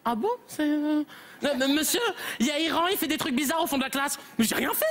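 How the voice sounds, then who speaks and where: A comedian voicing a squabbling bunch of whiny young schoolchildren in a stage sketch, pleading and protesting. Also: male voice, extremely high pitch, fast, a bit bright, voice pushed up. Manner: pleading, whiny, talking over each other.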